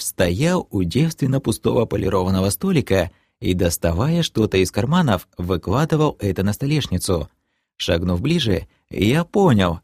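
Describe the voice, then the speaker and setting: Lively male audiobook narrator. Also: lowish voice, breathy edge, no echo, studio quality. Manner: lively first-person storytelling.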